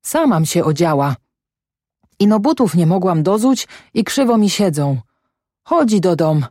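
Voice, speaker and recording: A woman's voice: lowish voice, very animated, unhurried, warm tone, dry recording, clean studio sound, voice pushed up. A narrator voicing a desperate peasant wife in a storybook reading, cursing her husband in a feverish rage. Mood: pleading. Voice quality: cursing, pleading, feverish intensity.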